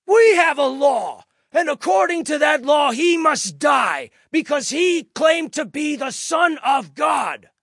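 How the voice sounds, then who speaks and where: A man voicing an angry mob of priests demanding an execution in a dramatic scripture telling, shouting vehemently. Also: very high-pitched, expressive, takes it slowly, gravelly, few pauses, no room sound, studio quality, voice pushed up, heavily acted. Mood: indignant, loud.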